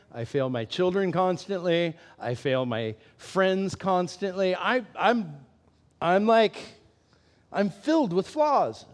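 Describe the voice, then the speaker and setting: Pastor, male, high voice, casual sermon, candid, self-deprecating, laughs easily, asks the room questions. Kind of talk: conversational sermon.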